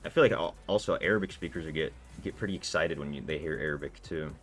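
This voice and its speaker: This man's bass voice comes out fast as he streams live. A talkative gamer, he loosely chats with and answers viewers, dropping lots of filler words over faint background music.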